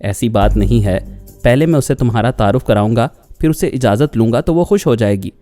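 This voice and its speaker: A man's voice: mid-range voice, fairly quick, dark tone, faint music behind, lightly acted. A man voicing a torn young man who speaks in a coaxing, placating way.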